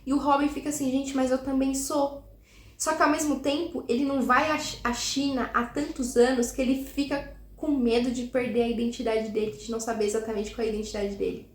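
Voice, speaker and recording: Young woman rambling about books at home, kinda high voice, echoey room. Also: brisk. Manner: chatty, animated, many restarts and laughs. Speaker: book vlogger. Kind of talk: casual book review chat.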